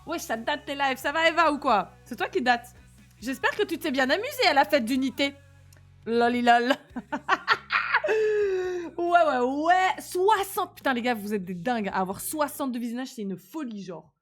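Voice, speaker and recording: Young girl streamer chatting, high pitched, lispy slushy s, slangy and animated, bit of music behind. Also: moderate pace. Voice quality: slight lisp, slushy s. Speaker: live streamer. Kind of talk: casual livestream chat.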